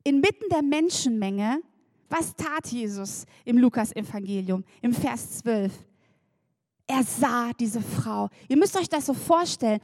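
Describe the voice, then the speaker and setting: A woman preaching a sermon, lively and chatty, laughing and talking straight to the congregation. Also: a little high, unhurried, no echo, studio quality.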